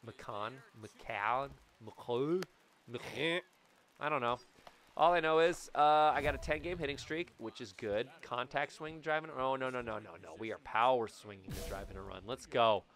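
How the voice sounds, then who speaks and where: At a moderate pace, a thirtysomething man gives excitable, jokey commentary on a baseball game he's playing for his YouTube channel, now and then erupting into loud yells. The audio comes from a studio mic on a boom in a small room at home, with webcam framing.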